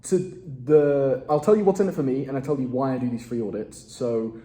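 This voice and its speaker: A man's voice: mid-range voice, animated, brisk, warm tone. A man with an English accent making cold sales calls, direct and chatty with self-deprecating asides. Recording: roomy echo.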